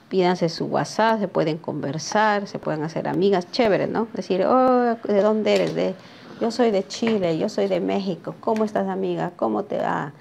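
In a sewing workshop, a woman teaches live while drafting a pattern at the cutting table. She chats freely, calls viewers by name, and frequently asks "¿sí?" to make sure they follow. Her medium-pitched voice is creaky and a little mellow.

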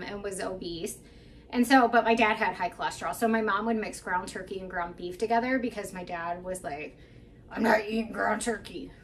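A woman's voice: mid-range voice, far from the mic, a little hiss or hum. Chatty woman vlogging from her kitchen. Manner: chatty, candid, self-deprecating asides. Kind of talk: casual grocery haul chat. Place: home kitchen, indoors. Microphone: camera mic at a few feet.

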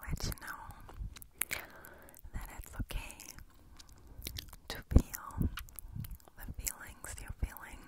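A woman whispers a gentle ASMR pep talk very close to the microphone. Her delivery is extremely slow and deliberate, with long spaces between short phrases. The affirmations come across as soothing and reassuring. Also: rough recording. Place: small carpeted room indoors. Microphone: handheld recorder held right at the lips.

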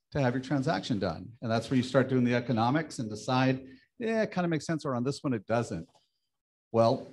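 A man's voice: mid-range voice, darkish tone. A man presenting a new program at an office team meeting, candid and matter-of-fact as he explains it.

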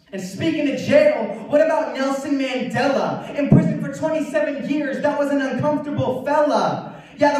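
Young man performing spoken word. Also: very high-pitched. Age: young adult. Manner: rhythmic, rhyming delivery with urgent emphasis. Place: large theater stage. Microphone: stand mic, filmed from far back. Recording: echoey hall from far off.

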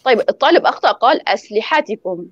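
A woman's voice: on the high side, very fast, no echo, lo-fi sound. A woman teaching in an online lecture, explaining pronunciation rules and demonstrating examples over a call. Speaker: guest lecturer on Quran recitation.

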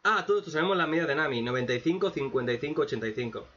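A man giving a sarcastic, profane anime commentary rant, with mocking asides and sudden loud outbursts. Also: fairly high pitch, expressive, rapid-fire. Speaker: anime reaction youtuber. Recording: dull lo-fi mic.

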